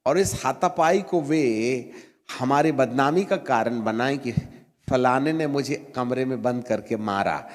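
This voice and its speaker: A middle-aged man preaching a storytelling sermon, animated and acting out the voices in his story, rising to emphatic peaks. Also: medium pitch. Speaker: bishop preaching. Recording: long hall reverb.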